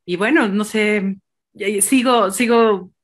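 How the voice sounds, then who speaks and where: A woman's voice: medium pitch, slow. A Mexican woman hosting a virtual book presentation, effusive and rambling, with many fillers. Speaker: host.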